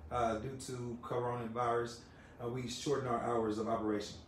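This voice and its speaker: A man's voice: mid-range voice, level tone, moderate pace, a little hiss or hum. A middle-aged man who owns a barbershop, answering interview questions politely and earnestly, with many fillers. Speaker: barbershop owner. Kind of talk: casual interview on a live video. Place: large barbershop indoors. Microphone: phone camera held by interviewer. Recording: roomy shop with faint ambience.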